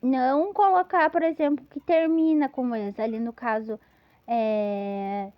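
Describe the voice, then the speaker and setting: A woman's voice: high voice, fairly even intonation, unhurried, no echo, muffled recording. A woman giving an instructional lesson, patiently explaining step by step with examples. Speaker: teacher.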